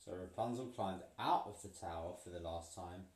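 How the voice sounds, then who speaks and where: A man reading a picture book aloud to a child, playful and pausing so the child can finish sentences. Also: low voice, a little mellow. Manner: playful, pauses for the child to fill in words. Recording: roomy, from a distance.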